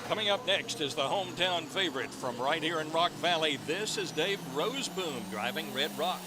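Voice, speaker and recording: A man's voice: fairly high pitch, animated, normal speed, noisy background. A man hosting televised tractor pull coverage as an announcer, introducing pullers in a broadcast commentary style. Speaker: host and play-by-play announcer.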